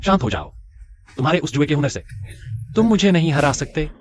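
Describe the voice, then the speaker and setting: An actor playing a steady young husband who stays firm under threat in a dubbed short drama. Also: male voice, on the high side, a little fast. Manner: firm, insistent. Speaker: lead, husband.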